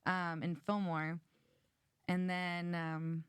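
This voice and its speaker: A woman in her twenties hosts a casual podcast chat, laughing often and leaning on fillers. Her voice sits low for a woman. The sound is dry and close, with no room in it. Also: flat delivery, takes it slowly, clear, resonant tone, no echo. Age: 20s. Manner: giggly, chatty, with fillers like "like" and "um". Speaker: podcast host.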